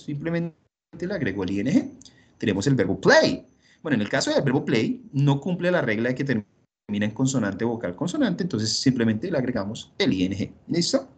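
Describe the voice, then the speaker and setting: Patient, husky-voiced male teacher. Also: medium pitch. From Colombia. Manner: patient, repeats rules step by step, often asks "¿listo?". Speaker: English teacher. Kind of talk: recorded online English lesson.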